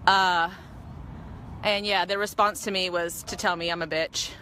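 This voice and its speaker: A woman's voice: lowish voice, fairly even intonation, a little slow, sharp tone, a little hiss or hum. A shaken woman filming on her phone in an outdoor store parking lot, pleading and tearful. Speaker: mother filming a confrontation. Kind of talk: phone video narration. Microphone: handheld phone.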